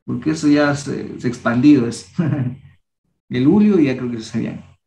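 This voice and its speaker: A young man teaching a language workshop, patiently repeating each word slowly so students can copy its pronunciation. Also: medium pitch, animated, creaky, dark tone, echoey room. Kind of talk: teaching a class.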